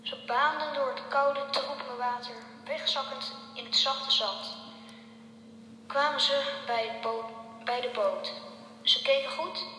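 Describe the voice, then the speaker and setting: A woman's voice: high voice, fairly even intonation, unhurried, sharp tone, faint music behind. A woman reading a story aloud with care, sometimes stumbling over a word and correcting herself. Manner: careful reading with small slips. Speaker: reader. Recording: echoey hall, faint hum.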